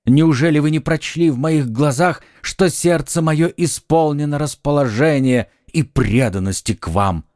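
A man's voice: fairly high pitch, a little slow, hardly any pauses, a little mellow, dry recording, clean studio sound, pitched above the performer's own voice, close to an everyday voice. Brief: narrator as a passionate young nobleman; insistent, earnest; audiobook. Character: ardent young male nobleman and swordsman. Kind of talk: audiobook acting.

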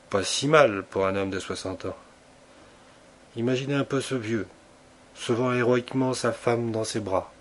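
A man reading a literary short story aloud as an audiobook, in a measured storytelling manner with vivid emphasis. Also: mid-range voice. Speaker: audiobook narrator.

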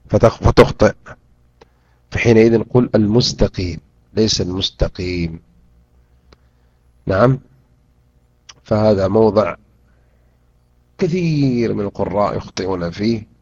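A man teaching a Quran interpretation lesson, drilling pronunciation and repeating words slowly and deliberately. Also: lowish voice, darkish tone, breathy edge, no room sound. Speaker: Islamic teacher. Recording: dull lo-fi recording.

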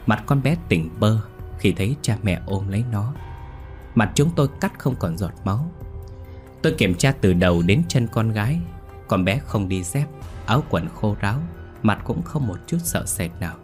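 Guy reading a ghost story, low husky voice, tense, faint music under it. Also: animated, normal speed, darkish tone. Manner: tense first-person retelling. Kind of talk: scripted narration of a ghost story.

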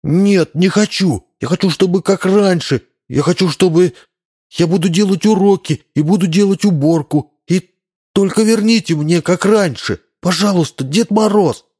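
A man voicing a spoiled, demanding little boy who shouts and whines in a storybook reading. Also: a little high, big pitch swings, a little slow, slightly rough, voice pushed up, exaggerated voice. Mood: pleading. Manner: shouting, whiny, insistent.

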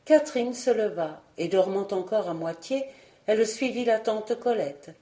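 A woman narrating a storybook in a calm, measured reading voice. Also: mid-range voice, reverberant. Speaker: audiobook reader.

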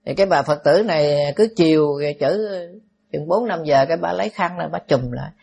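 A man, a Buddhist monk telling a story in a lively, anecdotal way, with asides to the audience. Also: on the high side, fairly quick, vocal fry, breathy edge. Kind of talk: storytelling sermon.

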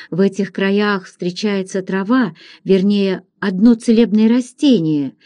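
A woman reading aloud, voicing a gruff, blunt frontier hunter who talks in a low, plain manner. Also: dark tone, lightly acted.

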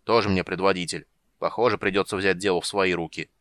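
An eccentric old wizard, cranky and absent-minded, who fusses and scolds everyone around him, as a male reader puts him on. The voice sits fairly low with a dry, close sound. This is storybook narration for an audiobook. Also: steady tone, fast, a bit bright, dry recording. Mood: bossy. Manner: muttering, scolding, fussy. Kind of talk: audiobook reading.

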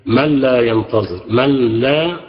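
A man's voice: medium pitch, a little slow. A man with an Egyptian Arabic accent, teaching an Arabic grammar class, patiently prompting students and praising their answers. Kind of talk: interactive class with questions to students. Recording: echoey, dull lo-fi sound.

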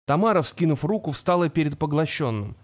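A man's voice: on the high side, animated, a little fast. Man reading a fantasy audiobook. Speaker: audiobook narrator. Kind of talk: scripted fantasy narration.

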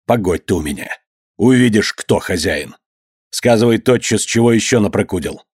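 A man's voice: on the low side, animated, normal speed, husky, no echo, clean studio sound. Man voicing a furious old merchant father. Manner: shouting, scolding, old-fashioned speech.

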